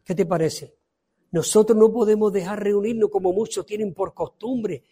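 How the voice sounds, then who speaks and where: A man preaching a fervent sermon, reading scripture aloud and swinging from loud emphasis to soft pleading. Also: high voice, fairly even intonation, normal speed, breathy edge.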